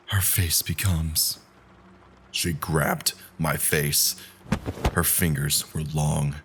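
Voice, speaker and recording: A man narrating a horror story in a measured, grim, scripted style. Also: a bass voice, background noise.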